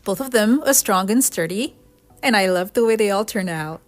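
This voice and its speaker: Her medium-pitched voice is expressive and moderately paced as she walks through a craft project step by step in a scripted DIY voice-over, with music playing behind her.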